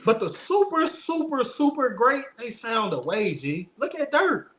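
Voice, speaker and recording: Speaking a little slowly in a very high, slightly bright voice, a man is very animated as he hosts a laid-back basketball debate show. He pushes his opinions hard, insisting and repeating phrases for emphasis.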